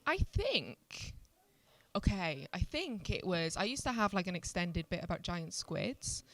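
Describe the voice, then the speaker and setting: Woman, Welsh Valleys accent, lowish voice, dry close recording, casual comic chat. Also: very animated, unhurried, a bit bright, no room sound. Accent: South Wales Valleys. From Blackwood, South Wales Valleys. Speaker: stand-up comedian, podcast guest.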